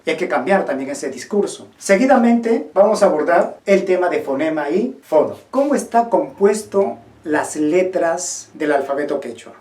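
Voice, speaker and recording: A woman's voice: lowish voice, a little mellow, recorded from a distance. A woman teaching a video lesson on linguistics, asking the listener questions and modelling pronunciations aloud. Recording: roomy echo, voice from off-mic.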